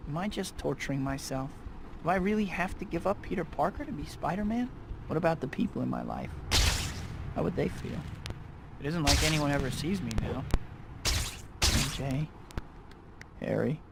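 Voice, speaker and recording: A man's voice: fairly high pitch, lively intonation, normal speed, creaky, long pauses, very noisy. A man playing an earnest, self-questioning young superhero in a video game cutscene. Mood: conflicted, pondering. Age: young adult. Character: earnest young male superhero torn between two lives. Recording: game music behind the voice.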